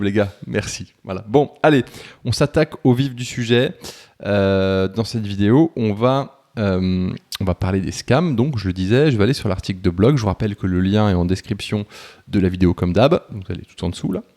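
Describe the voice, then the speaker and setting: A man's voice: lowish voice, fairly quick, darkish tone. A man talking casually to viewers while walking through a screen-share tutorial, chatty and informal, full of fillers and restarts. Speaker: YouTuber teaching web freelancing.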